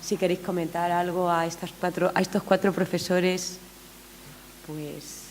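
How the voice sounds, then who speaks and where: A woman's voice: on the low side, little pitch movement, normal speed, darkish tone. A woman moderates a round-table, keeping time and handing the floor over, with many hesitant fillers. Her voice carries a long hall reverb over faint background noise. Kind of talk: moderating a panel.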